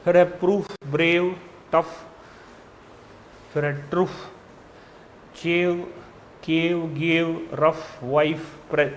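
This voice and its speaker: Slow, deliberate male shorthand teacher. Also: fairly high pitch, flat delivery, slight background noise. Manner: reads out word lists one by one, patient and deliberate. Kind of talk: classroom lesson, dictating practice words.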